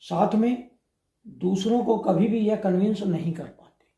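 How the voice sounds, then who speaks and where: A man explaining astrology in a slow, measured way, pausing often between phrases. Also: high voice, mellow, reverberant.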